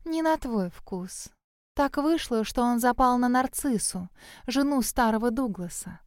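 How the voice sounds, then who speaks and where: A woman's voice: a little high, expressive, measured pace, dry recording, clean studio sound. A woman doing a sly, mocking spirit in a well. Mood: gossipy. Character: mocking gossipy female spirit living in a well.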